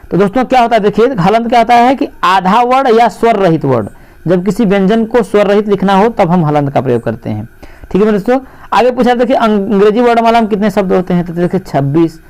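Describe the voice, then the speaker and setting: A man with a high voice is teaching from an exam paper. He keeps asking rhetorical questions and answers them at once. He often calls his viewers his friends. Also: darkish tone, poor audio. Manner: rhetorical questions answered himself, repeats "dekhiye" and "mere doston". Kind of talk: exam paper walkthrough lesson.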